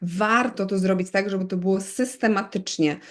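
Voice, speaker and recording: A middle-aged Polish woman who teaches bilingual children talks in a relaxed, conversational expert interview with a medium-pitched voice. She explains things at length, often turns to her listener with quick asides, and fills gaps with small hesitations.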